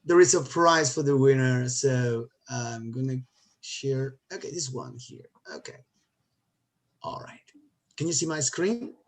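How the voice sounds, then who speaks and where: Over a video call, a teacher with a medium-pitched voice hosts a quiz game for his students, speaking a little slowly. He's upbeat and coaxes everyone to take part in the casual online meeting.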